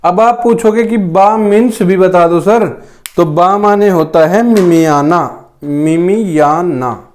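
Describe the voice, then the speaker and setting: A man's voice: high-pitched, steady tone, measured pace, a little mellow. A male English teacher with a sore throat, giving a spoken lesson to students and repeating each word several times. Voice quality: clears throat often.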